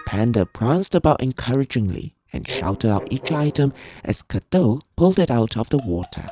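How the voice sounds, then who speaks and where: Female storyteller, very low pitch, expressive storybook read with music under it. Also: moderate pace. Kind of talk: storybook reading.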